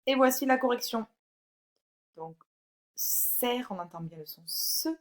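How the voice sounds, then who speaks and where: A woman teaching a recorded phonics lesson to young children, reading words slowly and clearly and encouraging the child directly. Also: a little high, expressive, slight background noise. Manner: slow, clear, drawn-out word by word reading. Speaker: primary school teacher.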